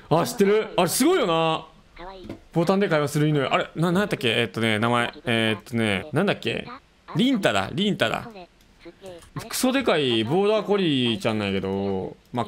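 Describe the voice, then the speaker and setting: A man with a Kansai accent talks casually on a live stream, gushing and laughing as he reacts. His voice sits a little high and swings widely in pitch. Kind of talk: casual chat reacting to a video.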